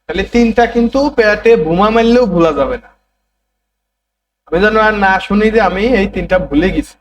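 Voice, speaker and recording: A man's voice: sits high, brisk, lo-fi sound. A man teaching a computer class, repeating terms and prompting students to say them back. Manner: repetitive, drilling students to answer back. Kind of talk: classroom lesson.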